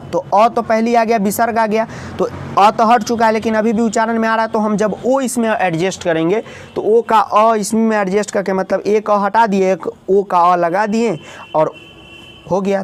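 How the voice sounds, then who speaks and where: High-voiced male teacher explaining grammar. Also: a little hiss or hum. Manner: repetitive, addresses students often, corrects own slips.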